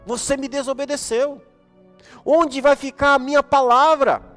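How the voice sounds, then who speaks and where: Strict, serious mother, played by a man telling a story; high, quiet, firm, echoey hall with music under it. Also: steady tone, unhurried. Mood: stern. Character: stern, very serious mother scolding her son.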